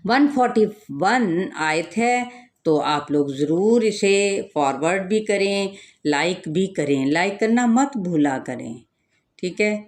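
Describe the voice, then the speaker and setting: A woman teaching a tajweed lesson, explaining each rule and then reciting the words slowly and drawn out, asking and answering her own questions. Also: lowish voice, animated.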